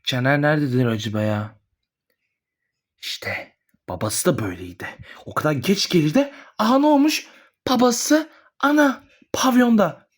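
Brief: performer voicing a sharp-tongued cartoon mother, husky, swinging pitch, always scolding. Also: lively intonation, close to an everyday voice. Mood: grumbling. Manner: scolding, cursing, quick to rage. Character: sharp-tongued middle-aged mother, quarrelsome. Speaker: voice actor in amateur animated drama. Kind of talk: animated drama voice acting.

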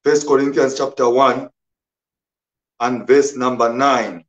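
A man preaching a sermon as a pastor, speaking slowly and emphatically and repeating his scripture references. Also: medium pitch, fairly even intonation, a bit bright, dull audio.

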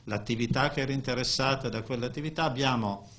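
A man in his sixties gives a technical talk at a conference, speaking into a desk microphone, halting with many restarts and fillers. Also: medium pitch, a bit bright. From Italy. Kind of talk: technical presentation. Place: conference room, indoors.

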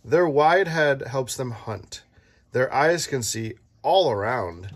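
A man reads aloud from a children's book shot from overhead on an indoor tabletop, acting as parent and host. He speaks slowly in an expressive, medium-pitched voice, with light, playful chat and simple explanations for a child.

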